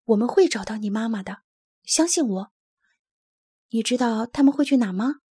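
A woman voicing a kind, steady young male polar bear cub in a storybook reading, gentle and reassuring. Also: fairly high pitch, moderate pace, husky, no room sound, studio quality.

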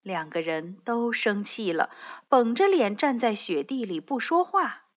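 A woman narrating a children's story in a gentle, expressive way. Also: fairly high pitch, measured pace. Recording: dull lo-fi recording.

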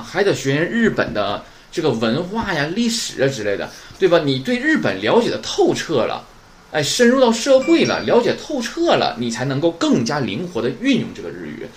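A man's voice: medium pitch, a little hiss or hum. A man from northeast China who teaches Japanese grammar in a podcast lesson, often asking the listeners questions and then answering them himself.

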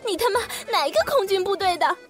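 A man voicing a hysterical young man who screams and sobs in a shrill falsetto in an audiobook. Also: steady tone, a little slow, soft background music.

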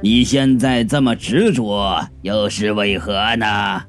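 A man voicing an old Taoist priest who preaches slowly and gravely. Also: on the low side, steady tone, pitched below the performer's own voice. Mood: solemn. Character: slow solemn old male Taoist priest. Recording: faint background music.

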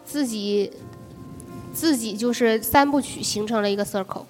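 A woman chats easily on a podcast about recent films, agreeing often and sharing her own picks. Her voice sits a bit high, and faint music runs under the talk. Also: moderate pace. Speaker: podcast co-host. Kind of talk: casual chat reviewing films.

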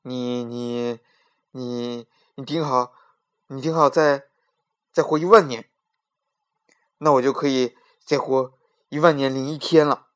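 A man's voice: slow pace, hardly any pauses, bright, forceful tone, smooth. A man playing a blustering, panicky cruel emperor. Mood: panicked. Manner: shrill and panicky when frightened.

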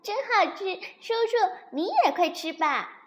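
A woman voicing a crybaby baby spinosaurus in a storybook, with a high, sweet, childlike way of talking. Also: lively intonation, a little slow, a bit bright, exaggerated voice, rough recording. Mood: delighted.

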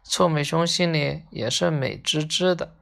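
A woman reading a children's story aloud in a gentle, unhurried way. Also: low voice, creaky.

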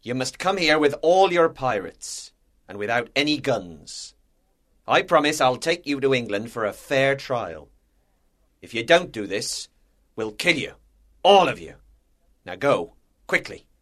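Stern storybook sea captain, done by a man, commanding, clipped orders, lively intonation, mid-pitched. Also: a little slow, pauses often. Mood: stern, defiant. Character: stern, commanding male ship's captain, resolute. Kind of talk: acted storybook dialogue.

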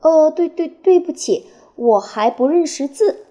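A woman's voice: sits high, animated, a little slow, mellow, voice pushed up. A woman voicing a timid little boy hedgehog who stammers, reading a storybook aloud. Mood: shy.

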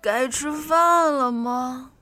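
A big snake mumbles slowly, still half asleep, as a woman puts it on. The words drag, groggy and unhurried. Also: high-pitched, bright, forceful tone, no echo, exaggerated voice.

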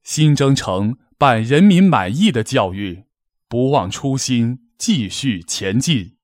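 A man's voice: medium pitch, animated, no echo, studio quality. A man hosting a formal gala, delivering a scripted, poetic address in a solemn, declamatory manner. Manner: declamatory, solemn, measured phrasing. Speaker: gala host, master of ceremonies.

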